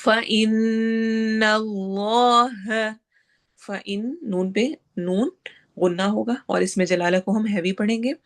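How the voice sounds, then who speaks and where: A woman teaching Quran recitation, explaining pronunciation rules in a brisk, instructive way. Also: mid-range voice, creaky, a little mellow. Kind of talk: tajweed lesson.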